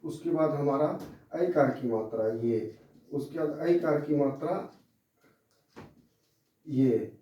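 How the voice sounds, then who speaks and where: A man teaching a classroom lesson at a very slow, deliberate pace, going over each letter again and again. His voice is fairly high and mellow, and it comes from some distance off in a very echoey room. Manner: slow, repetitive explaining, pointing at a board. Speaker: English teacher. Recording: very echoey room, mic far off.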